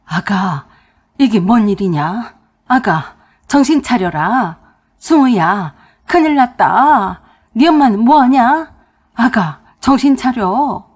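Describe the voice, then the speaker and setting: Brief: woman doing a frantic older man in a storybook radio drama, husky, shouting and drawn out. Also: a little high, expressive, slow, exaggerated voice. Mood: panicked. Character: frantic elderly father-in-law, man.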